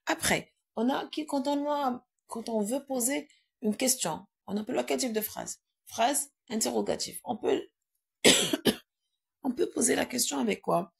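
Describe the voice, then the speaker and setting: Husky-voiced woman teaching grammar. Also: a little high, a little slow. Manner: asks pupils questions and repeats the answers. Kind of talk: grammar lesson for pupils. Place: classroom.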